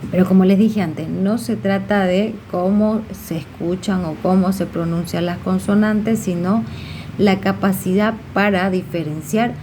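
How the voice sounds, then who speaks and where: A woman explaining a lesson to students, pausing often with fillers and checking questions. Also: mid-range voice, dark tone, a little hiss or hum. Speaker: teacher.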